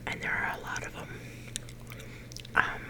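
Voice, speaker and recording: A middle-aged woman leaning in to whisper a casual, unhurried ASMR chat, her whisper a little growly at times. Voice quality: whisper that turns slightly growly. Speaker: ASMR video creator.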